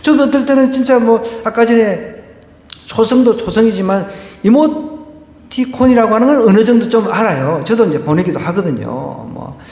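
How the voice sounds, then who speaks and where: A man's voice: sits high, lively intonation, normal speed, darkish tone. A male pastor giving a conversational sermon, asking the congregation questions and telling a humorous story. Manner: conversational preaching with rhetorical questions and a told joke. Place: church sanctuary. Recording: echoey church hall.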